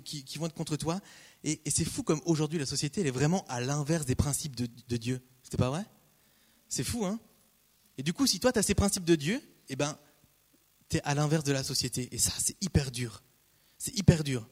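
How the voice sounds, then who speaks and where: A man preaching a casual, conversational sermon, repeating key phrases and breaking off into lively asides. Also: a little high. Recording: long hall reverb.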